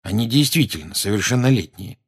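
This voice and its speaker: A man with a husky voice reading aloud, voicing a mild middle-aged father wizard who sounds tired and patient. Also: lowish voice, expressive, brisk. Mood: weary.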